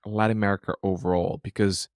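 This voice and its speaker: A man from Finland with a fairly low voice hosts an interview, asking long questions with many stammered restarts. The sound is dry and close, with no room echo. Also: level tone, fast talker. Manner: hesitant, repeats words while framing questions. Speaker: podcast host. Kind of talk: interview conversation.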